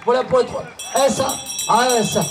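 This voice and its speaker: A man commenting a bike race live over a loudspeaker, repeating lap counts and urging the crowd to applaud. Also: very high voice, fairly even intonation, measured pace, vocal fry, over music. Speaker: race announcer. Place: outdoors at a roadside bike race. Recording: distant PA voice, outdoor ambience.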